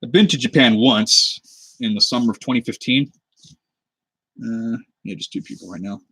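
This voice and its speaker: A man's voice: medium pitch, normal speed, a bit bright, breathy edge, no echo. A man in his twenties from the US Pacific Northwest, chatting casually on a livestream while crafting a cosplay prop, rambling and easygoing, picked up by a webcam mic at his desk. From United States (Pacific Northwest). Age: 20s. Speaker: cosplay prop maker streaming live. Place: indoors at a desk at home under a lamp.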